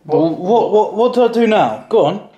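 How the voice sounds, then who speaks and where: A man's voice: high voice, lively intonation, moderate pace, mellow, roomy sound, lo-fi sound. A man bantering casually and jokily with a mate from behind the camera. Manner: jokey, matey. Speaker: camera operator and sidekick.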